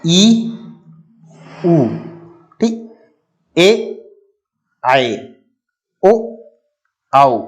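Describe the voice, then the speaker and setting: Male grammar teacher, slightly high voice, patient repetitive explainer, sounds out vowels. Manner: explanatory, addresses viewers as friends, repeats and drills sounds. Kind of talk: exam-prep lesson.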